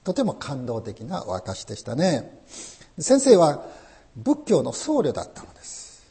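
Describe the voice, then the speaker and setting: Lively, mellow-voiced male preacher. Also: on the high side, measured pace. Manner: emphatic preaching with rhetorical questions. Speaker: pastor. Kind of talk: sermon.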